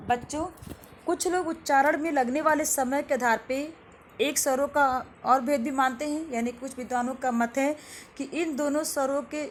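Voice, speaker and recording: High-voiced woman teaching children. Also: a little hiss or hum. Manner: repeats each definition slowly, asks and answers own questions. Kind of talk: classroom lesson to children.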